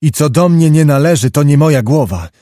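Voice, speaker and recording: A man's voice: fairly high pitch, animated, fairly quick, dark tone, no echo, studio quality, pitched above the performer's own voice, close to an everyday voice. Man playing a curt stubborn young soldier, short blunt answers, darkish voice. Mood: defiant. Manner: terse, clipped replies.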